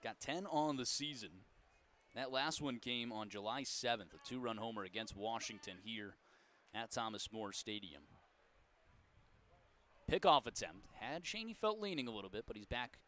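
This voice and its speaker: A man calling baseball play-by-play in a folksy, joking way, and he gets loud when the big plays come. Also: medium pitch, expressive, normal speed. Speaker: play-by-play announcer.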